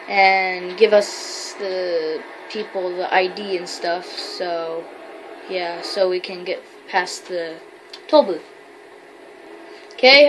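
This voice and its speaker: A woman's voice: medium pitch, fairly bright tone, a little hiss or hum, poor audio. A woman giving rambling, chatty gameplay commentary while role-playing as a trucker, with many fillers and self-corrections. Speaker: gamer.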